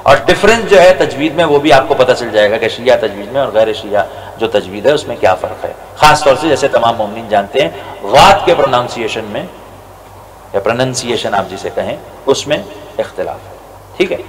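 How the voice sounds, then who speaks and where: A man's voice: mid-range voice, expressive. Man teaching letters in a reverberant hall. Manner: slow and deliberate, drawing out each Arabic letter. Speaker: religious scholar teaching Quran recitation. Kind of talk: religious lesson. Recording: reverberant hall with faint noise.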